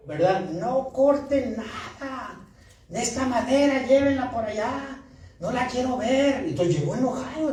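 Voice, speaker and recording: Un pastor con acento mexicano predica un sermón a su congregación y cuenta una anécdota personal pidiendo a menudo el asentimiento de los hermanos. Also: male voice, sits high, dark tone. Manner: storytelling, asks the congregation for agreement. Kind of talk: sermon. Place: church. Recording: echoey church hall, distant mic.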